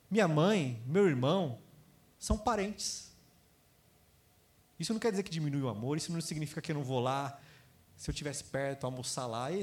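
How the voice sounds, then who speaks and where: A man with a Brazilian Portuguese accent preaching a sermon, lively, acting out quoted voices and asking his congregation questions. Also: fairly high pitch. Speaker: pastor.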